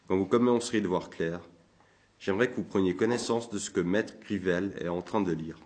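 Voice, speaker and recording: A man voicing a calm, firm Jesuit priest who speaks with measured authority, in a storybook reading. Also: low-pitched, close to an everyday voice.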